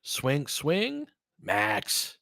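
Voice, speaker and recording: This basketball livestream host speaks very slowly in a slightly high, gravelly voice with a sharp tone and huge pitch swings. His informal, opinionated commentary mixes terse action calls with chatting to listeners. The sound is clean studio audio without echo.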